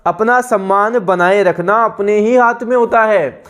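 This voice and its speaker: A man teaching an exam-prep lesson with a Rajasthani accent, repeating answers and word lists in a steady drilling rhythm. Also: high-pitched, measured pace, smooth.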